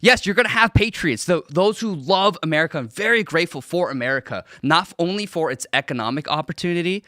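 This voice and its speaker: A man's voice: fairly high pitch, lively intonation, fast, pushed and bright, dry recording, studio quality. A young man from Korea, a podcast guest, talking earnestly and emphatically on a political panel, often repeating himself for stress.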